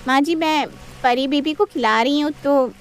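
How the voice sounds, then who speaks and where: A woman voicing an honest, patient nanny in a cartoon story, calm and polite. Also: sits high, normal speed, faint music behind.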